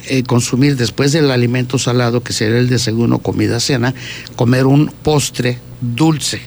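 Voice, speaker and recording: A man with a gravelly, creaky voice pitched in the middle range. He explains diet and health habits in a conversational way, repeating words and often adding a questioning "¿sí?". A faint noise sits under his voice. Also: darkish tone. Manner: keeps checking in with a questioning "¿sí?"; repeats words while gathering thoughts.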